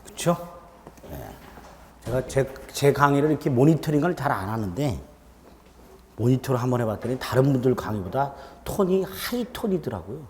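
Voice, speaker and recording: A middle-aged man giving a law lecture to a class, chatty and self-teasing, often dropping to a low murmur. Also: big pitch swings, moderate pace, a little mellow, big-room sound, a little hiss or hum. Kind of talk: classroom lecture with joking asides. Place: lecture room with students.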